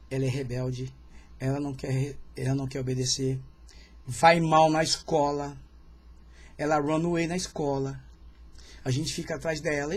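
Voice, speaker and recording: Husky, animated male pastor. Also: fairly high pitch. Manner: animated, conversational, often asks the audience "né?". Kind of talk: seminar preaching with storytelling.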